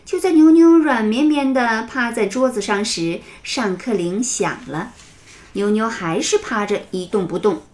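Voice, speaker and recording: A woman narrating a children's story in a gentle, expressive storytelling manner. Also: fairly high pitch, unhurried.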